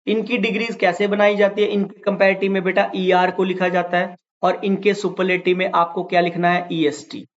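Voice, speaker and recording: A man teaching grammar for exam prep, explaining patiently and slowing down to read example sentences. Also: high voice, level tone. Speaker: English teacher. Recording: dull lo-fi recording.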